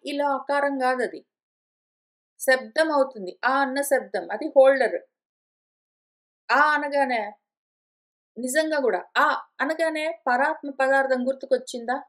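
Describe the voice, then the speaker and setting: A woman giving a conversational scripture lesson, repeating and rephrasing her points and slowing down to recite verses. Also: high voice, fairly bright tone. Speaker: teacher of scripture. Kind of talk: explanatory spoken lesson.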